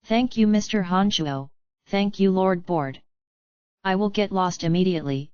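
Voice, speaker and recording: A woman voicing a terrified, low-ranked male demon servant who grovels in a trembling voice, in a dry, slightly dull recording. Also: a little slow, darkish tone, smooth, no room sound, lightly acted. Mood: groveling.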